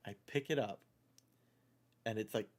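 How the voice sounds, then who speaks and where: A man's voice: lowish voice, a little slow. A middle-aged man livestreaming a game, rambling through a casual story and often asking "right?" and "you know?" into a headset mic. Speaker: gaming livestreamer. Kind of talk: casual storytelling while playing a game live.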